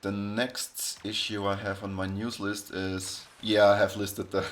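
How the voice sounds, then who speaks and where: Rambling low-voiced podcast host, man. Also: little pitch movement, unhurried, slight background noise. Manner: rambling, frequent restarts and self-corrections. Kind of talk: casual podcast chat.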